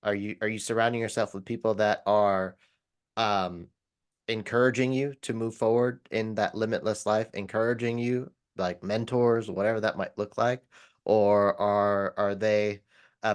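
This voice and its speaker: A man hosting a podcast, asking questions in a halting way with restarts and fillers. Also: on the low side, little pitch movement, smooth. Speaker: podcast host. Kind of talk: casual interview questions.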